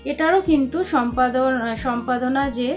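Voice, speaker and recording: A woman's voice: high-pitched, a little slow. A woman chatting casually in a vlog, talking with frequent hesitations and restarts. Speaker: vlogger. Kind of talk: casual vlog chat showing books. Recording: slightly dull lo-fi sound with faint music.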